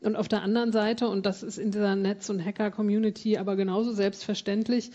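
Reflective woman on a panel; warm tone, dull lo-fi recording. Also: medium pitch, little pitch movement, quick pace. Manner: reflective, thinking aloud. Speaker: panel guest. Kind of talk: panel discussion. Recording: dull lo-fi conference audio.

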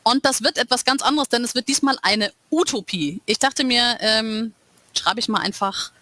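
A woman's voice: fairly high pitch, normal speed, bright, forceful tone, no echo. A woman author reading from her own novel and chatting casually with listeners in between.

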